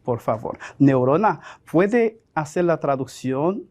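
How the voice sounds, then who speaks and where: A man's voice: fairly high pitch, lively intonation, a little mellow. A man teaching a bilingual French lesson, saying phrases for repetition and dictating sentences. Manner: slow, deliberate, drills phrases for repetition.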